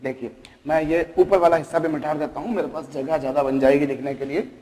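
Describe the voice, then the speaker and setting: A man teaches a chemistry class in a steady, mellow voice that is high for a man. He asks rhetorical questions along the way and calls the students kids, while a long reverb hints at a hard-surfaced classroom.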